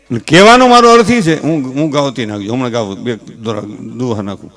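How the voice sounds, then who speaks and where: A man with a Kathiawadi Gujarati accent, a stage comedian mixing folksy, animated stories with earnest advice. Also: mid-range voice, fairly quick. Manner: folksy, animated storytelling with gestures; earnest advising. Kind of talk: humorous stage talk with advice.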